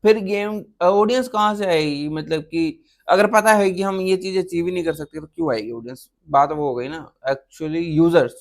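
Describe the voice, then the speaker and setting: A man's voice: a little high, moderate pace, vocal fry. A young man hosting a reaction video, chatting casually with viewers, calling them "bhai" and restarting his sentences as he goes.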